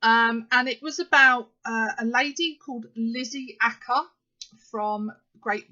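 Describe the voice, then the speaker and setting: A casual vlog features a woman in her 30s speaking directly to camera in an emphatic, indignant way, peppered with fillers. Her slightly high voice is bright and forceful, steady in tone and a little slow, on a slightly muffled lo-fi recording.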